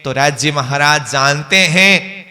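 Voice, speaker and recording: A man's voice: a little high, takes it slowly, pushed and bright. A man giving a devotional scripture discourse, reciting verse lines and then explaining them. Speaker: spiritual teacher. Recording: long hall reverb.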